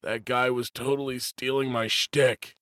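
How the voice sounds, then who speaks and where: A man's voice: medium pitch, flat delivery, measured pace, fairly bright tone, no room sound, clean studio sound, pitched above the performer's own voice, lightly acted. A man voicing a cocky, chatty young male superhero speedster with a teasing, friendly manner. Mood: breezy.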